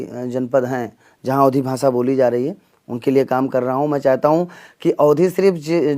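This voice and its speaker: A man from the Gonda region, a comedian answering interview questions earnestly, with pauses and fillers. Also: a little high, mellow. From Gonda region, northern India. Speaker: comedian and mimic, interview guest.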